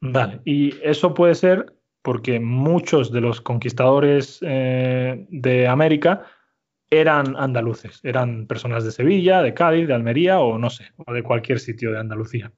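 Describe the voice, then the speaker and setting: A man's voice: mid-range voice, normal speed, darkish tone, lo-fi sound. A man teaching a Spanish lesson, explaining step by step and often checking in with his listeners. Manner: explanatory, frequent "¿vale?" checks. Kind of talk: language lesson.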